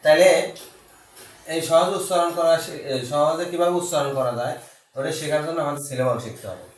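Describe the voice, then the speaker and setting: A man teaching basic grammar to a young pupil, slow and patient, breaking words apart letter by letter. He sits away from the mic in a roomy, echoing space. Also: a little high, fairly even intonation. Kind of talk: basic English grammar lesson for a child. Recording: echoey room, voice from far off.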